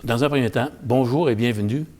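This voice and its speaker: A man's voice: mid-range voice, a little fast, a little mellow. A man hosting an interview in a theatre lobby, hesitant with many fillers. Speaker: host. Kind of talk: casual interview.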